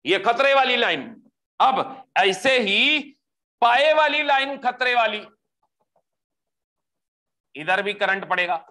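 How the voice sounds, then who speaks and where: A man giving a maths lecture, animated and repetitive, often pausing to ask for agreement. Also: very high-pitched. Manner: animated, repeats "ठीक है जी", mixes English into speech. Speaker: maths teacher. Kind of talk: classroom lecture with pep talk.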